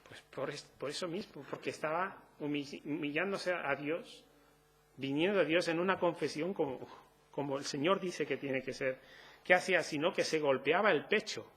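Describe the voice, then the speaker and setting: A man's voice: on the high side, normal speed, a bit bright, slightly rough. A man preaching a sermon in an earnest, conversational way, asking the congregation rhetorical questions.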